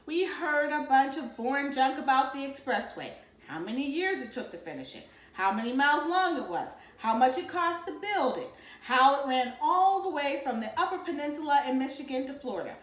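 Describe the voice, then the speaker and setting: Woman teacher, read-aloud for children, lively pitch, echoey room. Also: moderate pace. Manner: expressive, explaining to children. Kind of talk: reading a novel aloud. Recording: roomy echo.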